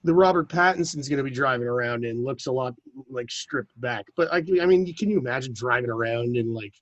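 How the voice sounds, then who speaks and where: A man co-hosting a film podcast, chatty and enthusiastic, with quick asides. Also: mid-range voice, dry recording, lo-fi sound. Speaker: podcast co-host. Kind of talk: casual film talk.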